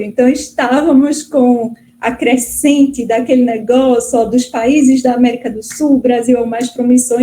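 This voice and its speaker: On the high side with a dark tone, this voice belongs to a middle-aged woman from Brazil who is a guest professor. She answers interview questions conversationally, stumbling into fillers and restarts, and the poor audio has faint background noise.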